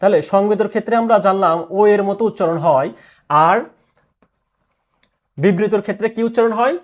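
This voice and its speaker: Guy with a high voice teaching test prep, asks a question then answers it, says stuff twice. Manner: repeats answers slowly, asks and answers own questions. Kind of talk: exam prep lecture.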